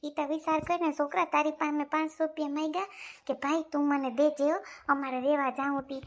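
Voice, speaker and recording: A quarrelsome older village mother, played by a woman, scolds her grown children in a thick Kathiawadi Gujarati accent. Her voice sits high, and she complains and repeats her points in a family comedy skit. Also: little pitch movement, brisk, lightly acted. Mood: scolding.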